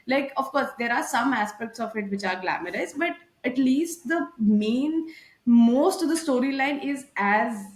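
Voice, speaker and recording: A woman's voice: fairly high pitch, measured pace, reverberant. A woman from India in her thirties, a guest chatting casually and animatedly on a video call. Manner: chatty, animated, drops into Hindi asides. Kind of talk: casual conversational interview.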